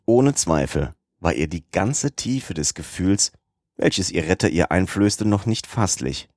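Deep-voiced male audiobook narrator. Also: no room sound, studio quality. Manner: measured, even reading. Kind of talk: scripted narration.

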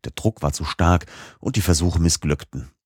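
A man narrating a classic novel as an audiobook in a measured, steady manner. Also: deep voice, slightly rough, dry recording, studio quality.

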